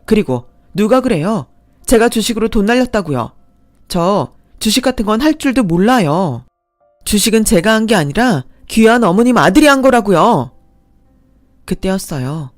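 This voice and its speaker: A woman telling her own story in calm, confiding first-person narration for a radio drama. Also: mid-range voice, normal speed, dry recording, studio quality, faint music behind.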